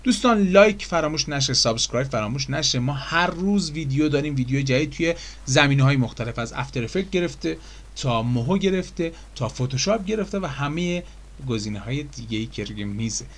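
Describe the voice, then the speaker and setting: A man casually explaining software menus in a screen-recorded tutorial, chatty and full of fillers. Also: mid-range voice, lively intonation. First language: Persian.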